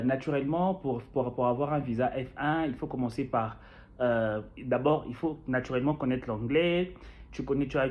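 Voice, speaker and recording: A young man from Kinshasa, speaking with a Congolese French accent, talks casually to camera as a YouTuber sharing his experience. His medium-pitched voice is a little mellow, and his speech is full of fillers and restarts. The sound is dull and lo-fi.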